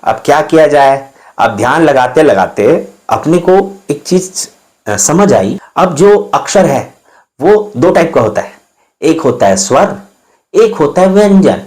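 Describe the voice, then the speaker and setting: Higher-voiced man teaching informally. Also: very animated, a little slow, darkish tone. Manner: explanatory, often checks in with listeners; sounds out vowels and consonants one by one. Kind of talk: informal spoken lesson.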